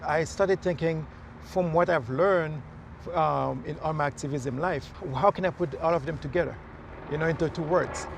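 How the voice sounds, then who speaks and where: Man, from Haiti, gravelly, slightly high voice, earnest and halting, faint street noise outdoors. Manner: earnest, hesitant, many fillers. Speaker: mayoral candidate. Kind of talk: casual interview. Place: outdoors in a city near traffic.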